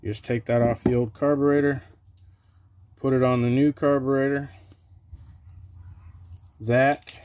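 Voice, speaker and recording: A man's voice: mid-range voice, flat delivery, measured pace, long pauses, a little mellow. A middle-aged man casually talking through a repair step by step at his workshop bench, in a plain and practical way with frequent "okay"s. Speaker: small-engine repair host. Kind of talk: casual how-to narration while working. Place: home workshop bench, open to the outdoors.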